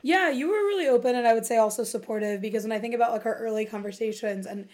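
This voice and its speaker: A woman in her late twenties chats as host in a fairly high voice. She leans on "like" constantly and acts out little quotes as she talks. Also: fast talker. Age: late 20s. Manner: chatty, fillers of "like", animated quoting. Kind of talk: casual chat.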